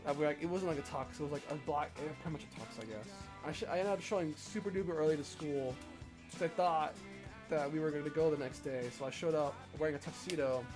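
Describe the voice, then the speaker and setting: Rambling young man streaming, swears a lot. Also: on the high side. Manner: rambling, profane, self-deprecating. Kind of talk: casual rambling chat while drawing.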